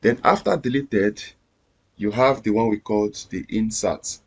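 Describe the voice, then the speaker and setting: Slow, husky-voiced man teaching code. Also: lowish voice. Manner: patient, repetitive step-by-step explaining. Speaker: coding instructor. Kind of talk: screen-recorded coding tutorial.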